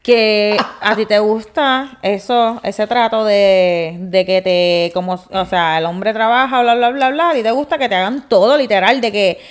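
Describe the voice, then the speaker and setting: A woman's voice: medium pitch, clear, resonant tone. A woman with a Puerto Rican accent co-hosting a podcast, arguing heatedly with her partner in blunt, profane Spanish laced with English words. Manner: exasperated, rapid lecturing. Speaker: podcast co-host. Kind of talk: heated couple argument.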